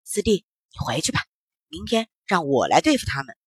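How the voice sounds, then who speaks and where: A woman's voice: low-pitched, very animated, moderate pace, slightly rough, dry recording, studio quality, voice pushed down, heavily acted. A woman voicing a bold young man with magic legs who calls out commands in a children's story.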